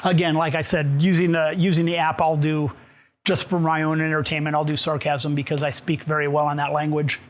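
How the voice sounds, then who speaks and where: A man's voice: a little high, little pitch movement, fairly quick. A man giving a live workshop to a room of people, talking casually, asking the audience questions and moving around as he speaks. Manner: casual, asks the audience questions, with fillers and restarts. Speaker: workshop presenter. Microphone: room mic, moves around while talking.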